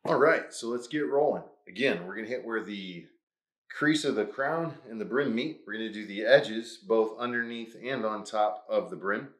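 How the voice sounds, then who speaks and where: An upbeat man hosts a hands-on craft tutorial and walks through each step as he works. His voice sits on the low side. The room around him is echoey. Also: normal speed. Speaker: host.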